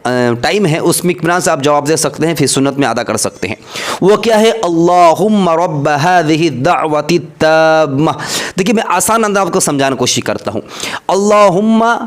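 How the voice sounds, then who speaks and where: A man. He explains each point patiently and repeats Arabic phrases slowly and carefully to model the right pronunciation. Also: high-pitched. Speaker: Islamic teacher. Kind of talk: religious instruction vlog.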